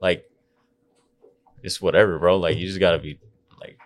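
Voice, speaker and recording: A man's voice: low voice, fairly even intonation, normal speed, dry recording. A young man chatting casually on a podcast in profane, laid-back street slang, saying bro constantly. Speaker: videographer, podcast guest.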